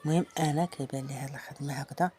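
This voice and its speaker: Fast-talking Moroccan woman teaching embroidery. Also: a bass voice, fairly even intonation, dark tone, a little hiss or hum. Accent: Moroccan Arabic. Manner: chatty, thinks aloud while working, drops into murmurs to herself. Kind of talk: casual hands-on craft tutorial.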